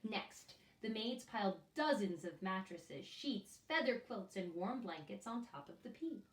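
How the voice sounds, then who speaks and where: With a very lively, swooping delivery, a woman storyteller reads a picture book to small children and breaks off to ask them questions directly. Her mid-range voice moves at an unhurried pace. The sound is roomy and echoing, a bit away from the microphone, with a little hiss or hum.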